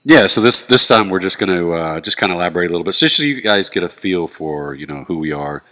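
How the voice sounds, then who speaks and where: A man's voice: deep voice, lively intonation, quick pace, bright, forceful tone. A man co-hosting a casual podcast with a stuffy nose, talking in a laid-back way with many fillers. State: stuffy nose after nose surgery. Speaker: podcast co-host.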